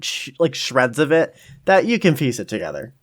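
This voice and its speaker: A man's voice: medium pitch, big pitch swings, moderate pace. A man co-hosting a podcast in casual chat, musing aloud and searching for words. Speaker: podcast co-host.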